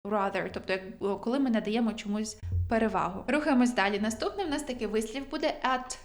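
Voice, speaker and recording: A young adult woman, a native Ukrainian speaker, teaching English vocabulary in a chatty, self-deprecating way and reading her English examples slowly. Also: on the high side. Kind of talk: vocabulary lesson.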